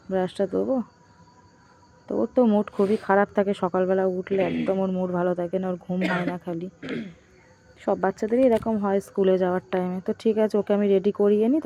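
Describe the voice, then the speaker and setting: A woman's voice: medium pitch, dark tone. A woman in her thirties with a sore, strained throat, giving a chatty, rambling home vlog voice-over. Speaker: vlogger.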